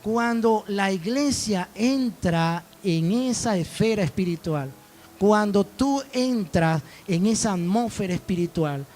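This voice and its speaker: A pastor with a high-pitched, somewhat dark voice preaches a sermon. He tells stories and acts out the dialogue, quoting what characters say.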